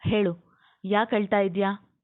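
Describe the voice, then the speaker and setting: A woman reads the part of a young male doctor from a storybook, usually cheerful but stern now. His questions come out sharp and insistent. The sound is thin and phone-like. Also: mid-range voice, moderate pace, close to an everyday voice. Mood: stern, pressing. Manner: scolding, pressing questions.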